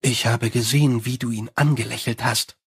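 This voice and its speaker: A guarded werewolf sergeant woman, as a male audiobook reader puts her on talks curtly in a lowered, growling tone. Her voice is husky and set close in a dry space. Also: steady tone, moderate pace, a bit bright, no room sound. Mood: curt suspicious. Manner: curt and growling. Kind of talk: audiobook character voice.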